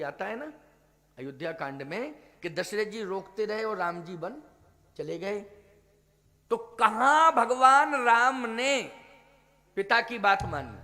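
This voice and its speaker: A man giving a devotional sermon, declaiming forcefully and then dropping to low asides, now and then chanting a scripture verse slowly. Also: long reverb tail. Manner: emphatic, swings from loud declaiming to low asides. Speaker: preacher of a Ram Katha discourse.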